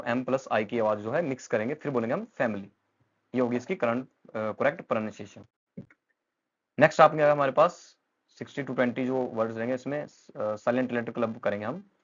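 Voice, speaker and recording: In dull-sounding audio, a man of medium pitch with an Indian accent coaches listeners on pronouncing English words. He talks patiently, says words more than once, and uses plenty of fillers in a Hindi and English explanation.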